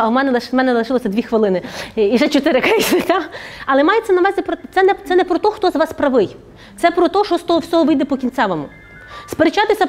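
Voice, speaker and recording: In an office event room, a woman with a high voice gives a lively, conversational workshop lecture. She keeps checking in with her audience through tag questions.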